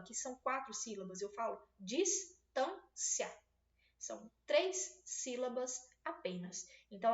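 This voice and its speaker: A woman teacher with a high voice leads an exam-prep video lesson. She explains each step patiently and keeps checking that her students follow. The sound is roomy and a little dull. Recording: roomy, slightly dull recording.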